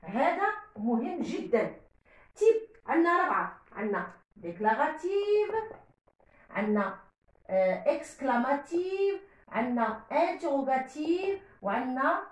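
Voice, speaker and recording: A woman's voice: sits high, big pitch swings, normal speed. A woman teaching a French grammar lesson step by step, switching between Arabic and French. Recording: echoey room.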